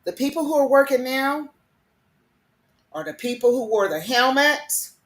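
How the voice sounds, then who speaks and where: A woman's voice: sits high, animated, measured pace. A woman hosting an internet radio show, delivering a heated, profane solo rant with lots of emphasis. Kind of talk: solo ranting monologue. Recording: echoey room.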